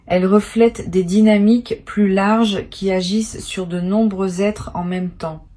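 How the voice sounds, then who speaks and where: This is a woman delivering a spiritual tarot reading to a single listener. Her voice sits at an ordinary mid pitch. She speaks in a calm, measured, soothing way, as if offering quiet guidance. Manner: calm, measured, reassuring, addressing the listener directly. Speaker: tarot reader.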